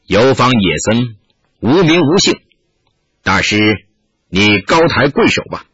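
A man voicing a calm, merciful older monk who speaks slowly and gently in a low voice, on a dull lo-fi recording. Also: husky, no echo, heavily acted. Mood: gentle. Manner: slow, gentle, low-pitched pleading.

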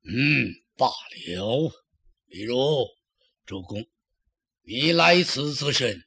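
A blustering old chancellor who drawls slowly and coaxes with gruff, husky tones. He is lecherous and used to power, as a man telling a traditional story puts him on. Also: mid-range voice, expressive, pushed and bright, voice pushed down, heavily acted.

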